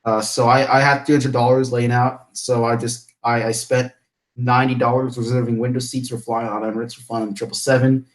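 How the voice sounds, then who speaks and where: A young man from Bangladesh talks on a live stream in a loose, rambling way. His pitch sits in an ordinary middle range, he laughs often, and he restarts his sentences as he goes. The sound is a plain home computer microphone. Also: flat delivery, fairly quick, low-quality recording. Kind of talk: casual live stream chat. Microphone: computer mic, camera off.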